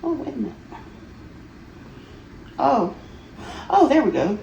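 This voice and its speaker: Unboxing Halloween goodies, this middle-aged woman keeps up a playful, giggly chat full of exclamations. She speaks slowly in a fairly high, warm, sing-song voice, and the sound is lo-fi. There's a roomy echo along with clear background noise.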